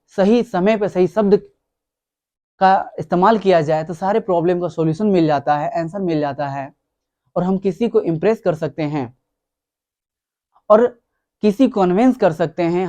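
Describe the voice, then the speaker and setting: A man's voice: high-pitched, normal speed, dark tone. A man giving a motivational talk who speaks emphatically, repeats his key words and calls his listeners friends.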